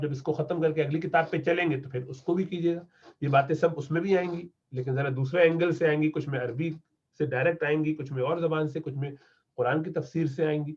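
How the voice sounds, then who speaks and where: Man teaching Arabic grammar, dull recording. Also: a little high. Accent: Pakistani Urdu. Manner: reads Arabic slowly, then explains quickly in Urdu.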